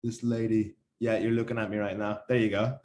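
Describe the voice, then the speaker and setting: A young man with an Irish accent giving a casual, chatty workshop talk, rushing along with lots of ums and restarts. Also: on the low side, fairly even intonation, a little mellow, reverberant, slight background noise. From Ireland. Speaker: workshop speaker. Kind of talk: casual presentation on a video call.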